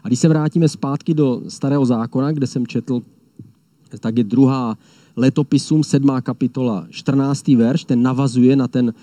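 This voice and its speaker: A man preaching a sermon in an earnest, measured way, often restating his point. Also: medium pitch, fairly even intonation, mellow, no room sound. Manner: earnest, measured, repeats phrases.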